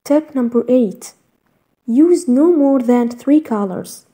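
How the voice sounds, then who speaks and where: A woman reading a scripted voice-over in a measured, even list-reading way, narrating step-by-step tips. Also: high voice. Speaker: narrator of a garden design slideshow.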